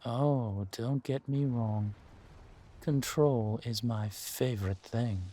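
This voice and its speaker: In a roleplay audio drama, a man plays a menacing, seductive villain king, drawling in a theatrical, commanding way. His mid-range voice is slow and dark-toned, and the mood is smug and seductive.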